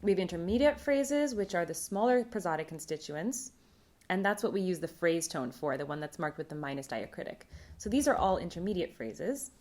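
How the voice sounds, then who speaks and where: A woman presenting a recorded academic conference talk on linguistics, explaining terms in a clear, measured way. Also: on the low side, expressive, a little mellow.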